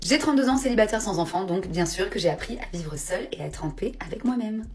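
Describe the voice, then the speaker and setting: Woman, 30s, playful to-camera chat, teasing refrain, mid pitch. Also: lively intonation, quick pace, darkish tone, faint music behind. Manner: playful, repeats a refrain, laughs often. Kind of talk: casual monologue to camera.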